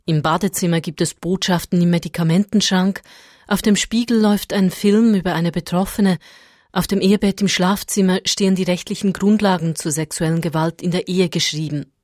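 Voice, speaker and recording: Woman reporter, scripted radio feature, low voice, dry close recording. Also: fairly even intonation, fairly quick, a little mellow, no room sound. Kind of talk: scripted news narration.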